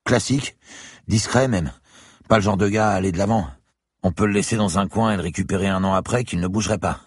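A man voicing an evasive young male student who answers police questions in an offhand, defensive way, with a husky voice. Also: sits low, quick pace, no room sound, clean studio sound, pitched above the performer's own voice.

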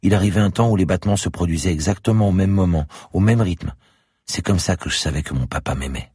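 A deep-voiced man putting on a tearful little girl. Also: fast, mellow, husky, dry recording, studio quality. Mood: tender. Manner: high pleading childlike voice, breaking into whispers. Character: timid tearful little girl of nine or ten, eerie.

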